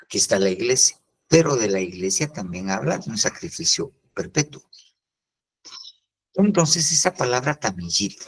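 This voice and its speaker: An older man teaching a virtual Bible discipleship class, explaining step by step and often pausing with "entonces". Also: fairly low pitch, big pitch swings, slightly rough, rough recording. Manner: explains slowly, pauses with "entonces" and "fíjese bien". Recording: live stream.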